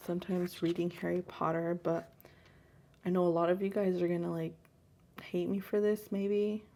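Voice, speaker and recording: Gravelly, mellow-voiced woman chatting casually. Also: lowish voice. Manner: chatty, rambling, soft and hushed at times. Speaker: planner vlogger. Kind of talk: casual chat over plan-with-me crafting. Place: home room.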